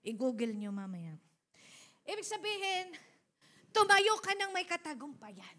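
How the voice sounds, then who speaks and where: A middle-aged woman pastor preaching in a mix of Filipino and English, animated, laughing often, moving between loud exhortation and soft asides to the congregation. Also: sits high, unhurried. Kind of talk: Taglish sermon with congregation prompts.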